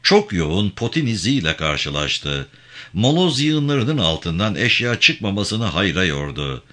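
Deep-voiced male storyteller, lively delivery. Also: a little slow. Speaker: audiobook narrator. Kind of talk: scripted narration of a novel.

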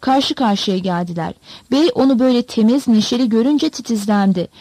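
A woman narrating a novel in a measured, expressive storytelling manner. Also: a little high, no echo. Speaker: audiobook narrator.

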